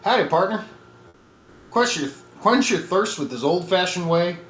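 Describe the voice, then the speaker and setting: A man voicing a folksy cowboy soda pitchman with a drawling, hearty sales patter, recorded in a roomy space with faint background noise. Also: animated, measured pace, fairly bright tone.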